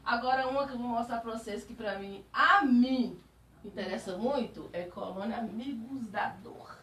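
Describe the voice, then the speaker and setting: A woman speaking as a spiritist, giving a personal testimony to a group in animated storytelling. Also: fairly high pitch, normal speed, slight background noise. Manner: animated storytelling, laughing while recalling. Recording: echoey room, distant mic.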